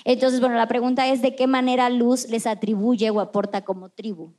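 A woman hosting a casual podcast chat, lively and joking with friends. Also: on the high side, a little fast. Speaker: podcast host.

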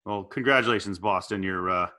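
A man's voice: low-pitched, a little fast. A man co-hosting a casual comedy podcast, telling stories and acting out the voices of the people in them. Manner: animated storyteller, acts out quoted voices. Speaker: podcast co-host.

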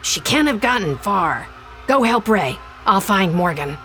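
Woman voicing a gruff older brawler, blunt orders, low-key toughness. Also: sing-song, unhurried, sharp tone, slight background noise, heavily acted. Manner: blunt, commanding.

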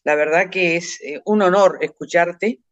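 A woman's voice: on the low side, unhurried. A woman with an Argentine accent hosting a radio interview, announcing and asking questions in an admiring tone. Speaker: radio host. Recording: dull lo-fi radio sound.

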